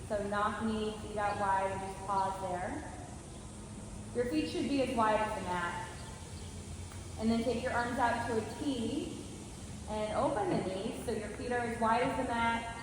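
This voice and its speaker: Gentle, soothing woman in a very echoey hall. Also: on the high side, measured pace, pauses often. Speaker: yoga teacher leading a class. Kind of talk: guided yoga and relaxation instruction. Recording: very echoey hall with clear noise.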